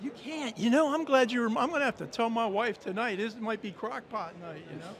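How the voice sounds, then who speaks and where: With a very high, fairly bright voice and a brisk pace, an older man teases and jokes with players in folksy sideline interviews. He's a sports interviewer holding a handheld mic in front of an indoor media backdrop at a football event.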